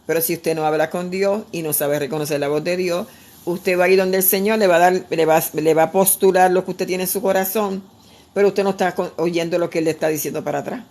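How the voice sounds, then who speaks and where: A woman's voice: lowish voice, steady tone, brisk, a little mellow. A woman, preaching earnestly in a conversational way, with frequent restarts. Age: 60s. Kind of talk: sermon-style exhortation.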